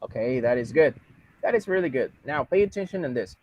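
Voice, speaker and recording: Husky-voiced teacher explaining patiently. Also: male voice, medium pitch, animated, moderate pace, a little mellow, no echo, low-quality recording. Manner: patient, explains step by step and mixes Spanish with English. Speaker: English teacher. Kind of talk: online English class.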